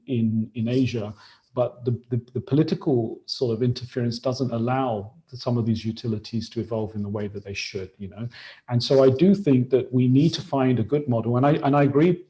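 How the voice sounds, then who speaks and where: A man from Sri Lanka gives his panel remarks in a relaxed, mellow voice. He keeps circling back over his phrases and often checks in with a quick tag question. His pitch sits in an ordinary middle range. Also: rough recording. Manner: frequent tag questions and restarts.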